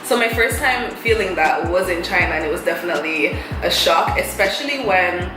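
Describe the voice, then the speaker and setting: A young woman from Jamaica chats with friends in a relaxed, thoughtful way, pausing on fillers as she explains. Her voice sits a little low. The room is echoey and music plays under her. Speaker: English teacher. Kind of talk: casual chat.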